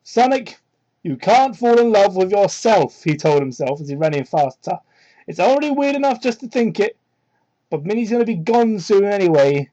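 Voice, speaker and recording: A male host with a high, soft-toned voice reads fan fiction aloud in a theatrical, mock-dramatic way, ad-libbing sarcastic and incredulous commentary. His intonation is lively and his pace moderate. He's recorded on a cheap microphone, so the sound is muffled and low quality.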